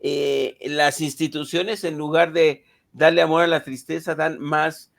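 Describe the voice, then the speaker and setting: A man's voice: fairly high pitch, fairly even intonation, measured pace, creaky. A man hosting a remote interview, reflective and hesitant, with frequent fillers. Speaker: host.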